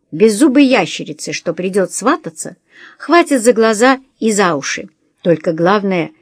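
A cheeky teenage girl who mocks everyone, herself first, as a woman reads her out. She stretches her words slowly for effect, in a dry, close audiobook voice. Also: medium pitch, dry recording. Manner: teasing, drawn-out emphasis.

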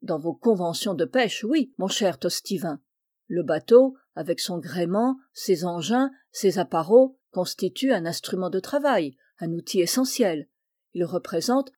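A woman's voice: fairly low pitch, mellow, dry recording. A woman voicing a stern middle-aged male maritime official who lectures with precise, impatient authority, recorded close and dry.

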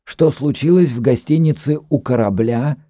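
A man's voice: mid-range voice, moderate pace, no echo, studio quality, pitched above the performer's own voice, lightly acted. A man voicing a grey-bearded old Phoenician prince and shipowner who argues insistently. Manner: shouting, insistent.

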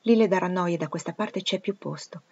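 A woman's voice: lowish voice, brisk, darkish tone, lo-fi sound. A woman reading a proud, spirited young governess who answers in a heated, emphatic way. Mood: polite.

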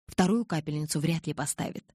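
A woman voicing a gentle, restrained young male vampire in an audiobook, speaking calmly and softly. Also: low voice, a little fast, husky, no echo, clean studio sound.

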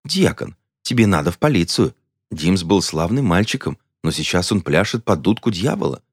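A man's voice: low voice, big pitch swings, normal speed, husky, no echo, clean studio sound, full character voice. A man voicing an impatient, bossy churchgoing woman who speaks curtly. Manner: curt, impatient.

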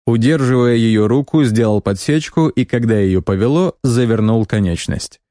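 Dark-voiced male audiobook narrator. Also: mid-range voice, moderate pace, no room sound, clean studio sound. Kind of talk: scripted first-person fantasy narration.

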